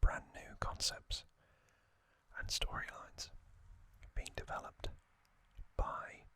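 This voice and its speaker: Whispering without voicing, breathy and soft, an ASMR trivia channel host narrates slowly and carefully, with many pauses along the way.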